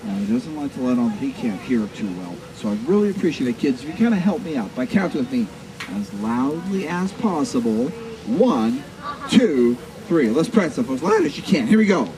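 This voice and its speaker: A man working as a flea circus showman, delivering grandiose, mock-formal carnival patter to a live audience with dramatic, drawn-out emphasis. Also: medium pitch, sing-song, poor audio. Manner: mock-formal, addressing onlookers as ladies and gentlemen. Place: live public show at a community event. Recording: live event with crowd noise behind. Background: audience crowd.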